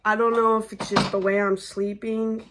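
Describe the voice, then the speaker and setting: Against a noisy background, a young woman gives a laid-back, chatty vlog update on her pregnancy, full of slang. She's heavily pregnant and out of breath, speaking at normal speed in a mid-range voice with flat delivery.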